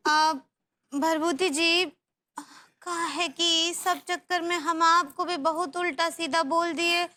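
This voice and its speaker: A slow, sweet rustic housewife. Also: female voice, very high-pitched, fairly even intonation, sharp tone, heavily acted. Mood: gentle. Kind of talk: sitcom acting.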